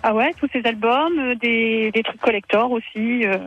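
A woman's voice: fairly high pitch, moderate pace, a little hiss or hum. A woman calling in over a phone line as a radio contest winner, chatty and easygoing. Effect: heard over a phone line. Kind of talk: casual chat.

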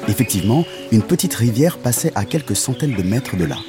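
A man narrating a children's story in a gentle, expressive storytelling manner. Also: mid-range voice, a little fast, music in the background.

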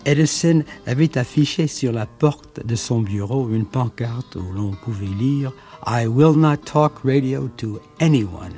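A man speaking in a measured documentary style, with occasional fillers, on an archive radio recording. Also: fairly low pitch, mellow. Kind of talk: explanatory radio documentary talk.

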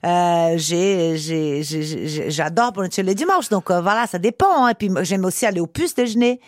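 A woman's voice: fairly low pitch, expressive, normal speed, no room sound, studio quality. Effusive woman with a foreign accent in French. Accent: foreign accent in French, not Parisian. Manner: effusive, emphatic. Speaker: interview guest. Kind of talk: casual chatty radio interview. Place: radio studio, close and dry.

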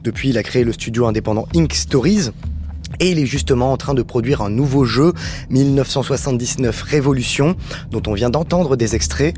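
A man hosting a radio interview, asking questions in a measured, formal way from a studio. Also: medium pitch, a little mellow. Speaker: radio host.

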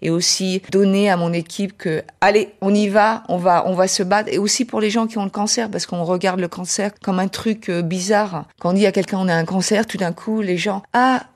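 A woman's voice: mid-range voice, steady tone, fairly quick, hardly any pauses, darkish tone. Woman with an American accent. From United States. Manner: hesitant, many fillers and restarts. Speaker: guest chef. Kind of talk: personal interview talk.

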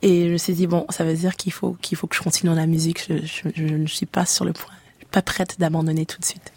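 A woman's voice: fairly low pitch, flat delivery, fast talker, darkish tone, husky. A woman from Canada, a musician guest on a radio interview, talking with frequent restarts and fillers. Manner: hesitant, many restarts and fillers.

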